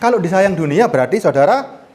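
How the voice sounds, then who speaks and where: A man's voice: high-pitched, expressive, a little fast, darkish tone. A man preaching an interactive sermon, often asking the audience questions and rising to emphasis.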